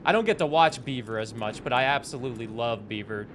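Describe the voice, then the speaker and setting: While gaming on a live stream, a chatty man in his twenties from New England, United States, reads his chat aloud and responds with animated energy. He talks fast in a medium-pitched voice, with slight background noise.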